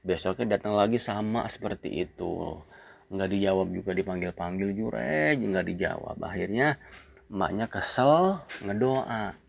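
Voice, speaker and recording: Gravelly low-voiced religious teacher. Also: male voice, moderate pace. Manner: recites Arabic, then explains casually; frequent filler tags. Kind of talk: religious text reading with story retelling.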